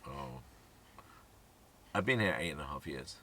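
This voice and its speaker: A young man with a southern English accent and a deep voice that swings widely in pitch. He jokes through a casual Q&A, breaking into silly little sung ditties. His tone is bright. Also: expressive, a little slow, gravelly, slight background noise. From England. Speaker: co-host. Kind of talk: casual Q&A chat.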